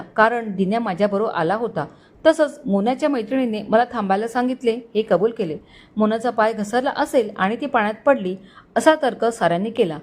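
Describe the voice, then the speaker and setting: A woman storyteller reading a romantic story aloud in a steady, expressive way. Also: on the high side. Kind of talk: scripted story narration.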